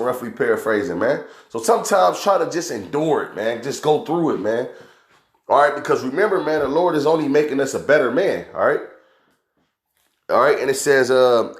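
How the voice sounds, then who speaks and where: A man giving an informal scripture lesson, talking loosely and peppering every phrase with "man" and "you know". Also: medium pitch. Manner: casual, calls listeners "man" constantly, many fillers. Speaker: preacher. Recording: roomy echo.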